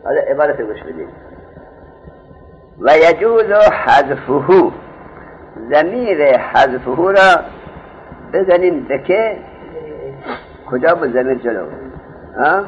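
Guy teaching grammar class, lively up and down voice, asks then answers himself, tinny lo-fi sound w faint hiss. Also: on the high side, long pauses. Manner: explains with street-vendor examples, asks and answers questions. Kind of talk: classroom lecture on Arabic grammar.

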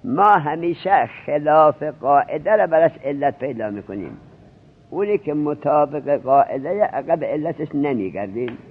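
A man's voice: on the high side, expressive, husky. Man drilling grammar over a tinny line. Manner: questioning, drilling students. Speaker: seminary teacher. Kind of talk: Arabic grammar lesson in Persian. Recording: tinny lo-fi narrowband recording.

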